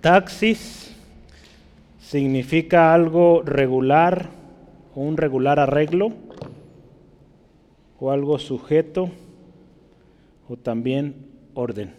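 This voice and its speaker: A man teaching a casual Bible class as a pastor, chatty and checking in with his listeners, stretching out key words slowly to stress them. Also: a little high, darkish tone. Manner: chatty, keeps checking in with the room. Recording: long reverb in a hall.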